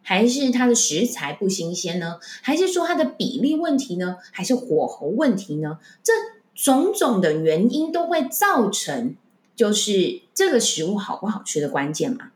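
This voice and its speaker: A woman's voice: medium pitch, very animated, normal speed, echoey room. A woman, a speech and voice coach giving speaking tips on a podcast, full of rhetorical questions to her listeners.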